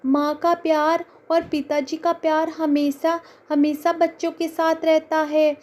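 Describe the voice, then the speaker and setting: A woman's voice: high voice, flat delivery, unhurried, a little mellow. A woman voicing a caring elderly grandmother in a cartoon story, speaking tenderly and consolingly.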